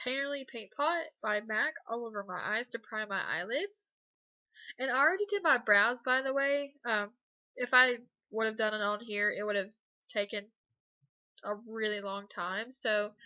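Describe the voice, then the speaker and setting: A young beauty vlogger, congested from a cold, talks through a makeup tutorial voice-over in a relaxed but hesitant way, with many ums and uhs. Her stuffy voice is on the high side. The audio is dull, with no echo.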